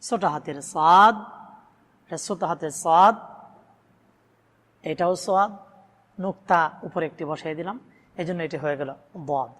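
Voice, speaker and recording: A man's voice: sits high, measured pace, pauses often, a bit bright. A man from Bangladesh teaching Quran reading, addressing viewers and stretching out each Arabic letter sound with emphatic repetition. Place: room with a blackboard. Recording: long hall reverb.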